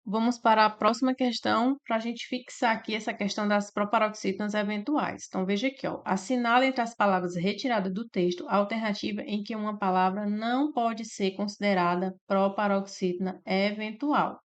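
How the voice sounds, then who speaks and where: A woman with a Brazilian Portuguese accent teaching a grammar lesson for exam prep. She explains step by step, slowly drawing out syllables and checking in with "né?" and "tá?". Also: mid-range voice, steady tone. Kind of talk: slide-based grammar lesson.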